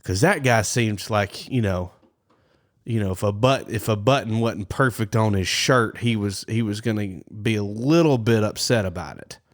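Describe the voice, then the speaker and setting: A man's voice: lowish voice, normal speed. A man co-hosting a casual podcast, rambling and often circling back to repeat his phrases. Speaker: podcast co-host. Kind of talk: casual chat.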